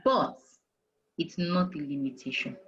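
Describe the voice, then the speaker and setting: A low, somewhat bright and slightly rough female voice comes through animated and unhurried, its highs cut off. She is an HR manager guest with a Nigerian accent who delivers career advice emphatically, reiterating key points and asking rhetorical questions.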